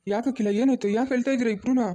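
A stern, bewildered grandfather in a cartoon family drama, played by a voice actor, with a rural Chikkaballapur Kannada accent. He fires off quick questions at a middle pitch. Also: steady tone, mellow, natural voice. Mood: questioning.

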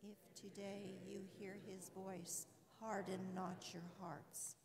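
Slow woman reader in cathedral echo. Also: medium pitch, little pitch movement, vocal fry, crowd noise. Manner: measured, solemn reading aloud. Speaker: lector. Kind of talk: slow liturgical scripture reading. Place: large church. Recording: long church reverb.

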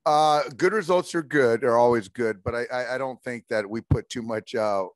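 Over a video call, a baseball manager in his forties fields postgame press questions in a measured way, with plenty of fillers and restarts. His voice is mid-range and carries no room sound. He's indoors in front of a logo backdrop.

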